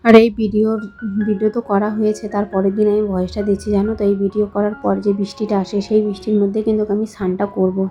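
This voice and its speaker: A young woman's voice-over for a home vlog, slow, soft and hoarse from a cold. Her tone is dark and mellow and stays flat. The sound is a bit dull, with faint instrumental music behind her. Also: mid-range voice. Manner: talking slowly and softly, chatty, addressing viewers directly. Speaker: vlogger, housewife.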